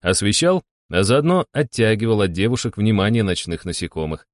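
A man's voice: on the low side, sing-song, brisk, dry recording. A man narrating a humorous novel as an audiobook in a wry, ironic tone. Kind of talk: audiobook reading.

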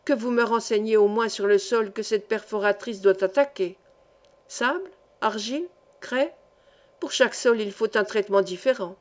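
Brief: a woman voicing a courteous male contractor, measured and doubtful, audiobook reading. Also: medium pitch, close to an everyday voice. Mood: insistent. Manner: polite and measured. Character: polite, sceptical male contractor.

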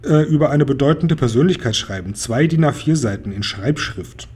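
A polite, clever porcupine girl from a children's storybook, as a man puts her on. She pleads courteously, with a slightly husky voice. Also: medium pitch, lively intonation, normal speed, a little mellow.

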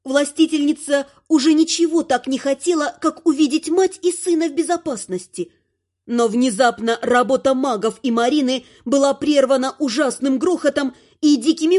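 High-voiced woman narrating an audiobook. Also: moderate pace, darkish tone.

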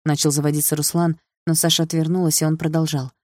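A woman reading a first-person audiobook narration in a calm, reflective manner. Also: low-pitched, fast, no echo, studio quality.

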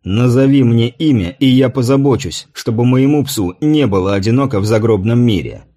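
A man voicing a fierce, proud warrior king who speaks with a slow, gruff growl. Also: medium pitch, mellow, natural voice. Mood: menacing.

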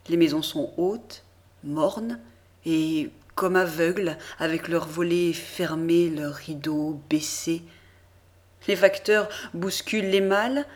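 A woman narrating a novel as an audiobook in a measured, expressive first-person reading. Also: on the low side. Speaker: audiobook reader.

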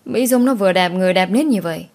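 A woman voicing a gentle, worried mother who speaks softly and pleads. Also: medium pitch, quick pace, lightly acted. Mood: coaxing. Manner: soft, tender, pleading.

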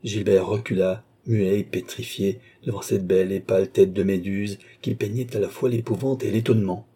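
A man narrating a classic novel as an audiobook in a measured, dramatic way. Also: fairly low pitch, fairly even intonation, mellow, slightly rough. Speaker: audiobook reader.

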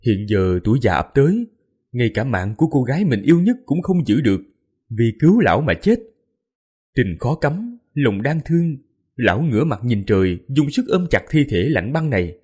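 Husky male fantasy audiobook narrator. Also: mid-range voice, big pitch swings, moderate pace, a little mellow. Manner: dramatic, mournful reading. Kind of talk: scripted narration.

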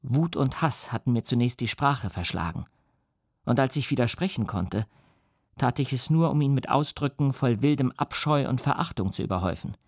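A man giving a calm, even scripted audiobook narration. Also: mid-range voice, normal speed, no echo, studio quality.

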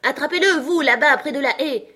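A woman voicing a bossy rabbit in a storybook who barks orders in a shrill, commanding way. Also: lively intonation, brisk, fairly bright tone.

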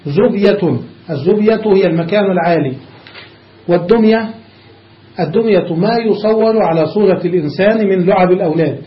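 High-voiced sheikh drilling grammar on dull tape. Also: male voice. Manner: quizzes students with rhetorical questions; recites word forms one after another in a measured, drilling way. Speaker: sheikh teaching Arabic grammar. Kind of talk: classroom lecture on grammar. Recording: dull lo-fi lecture recording.

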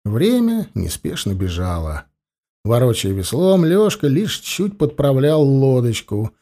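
A man narrating a historical adventure audiobook in an expressive, measured way. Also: mid-range voice.

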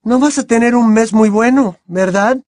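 A man's voice: extremely high pitch, normal speed, darkish tone, dry recording, studio quality, pitched above the performer's own voice. A man voicing an earnest, bossy teenage schoolgirl witch in an audiobook, insistent and precise. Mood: earnest, indignant. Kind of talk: audiobook character voice.

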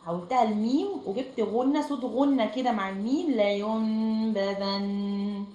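Fast-talking Egyptian woman teaching. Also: fairly high pitch, warm tone, muffled recording. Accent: Egyptian Arabic. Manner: explains step by step, checks "right?" often. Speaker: Quran recitation teacher. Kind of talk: online group lesson. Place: room at home. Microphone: online voice chat. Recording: echoey room, faint noise.

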